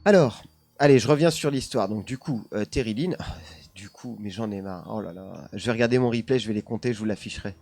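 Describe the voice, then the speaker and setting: A man's voice: on the low side, brisk, darkish tone. A man streaming live, casually telling a paranormal story while chatting with his viewers, laughing often and leaning on the same filler words.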